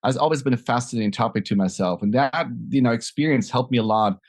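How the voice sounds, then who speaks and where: A middle-aged German man with a German accent, a nonprofit founder, is the guest in a conversational interview. His voice is medium-pitched and darkish, and he talks fast but thoughtfully, with many fillers and restarts.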